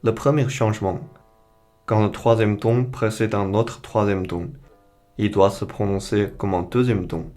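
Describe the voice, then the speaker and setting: A man with a lowish voice teaches a beginner language lesson, taking it very slowly and carefully. He models each sound for the learners, and soft guitar music plays faintly underneath. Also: steady tone. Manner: slow, careful explanation with modeled pronunciation.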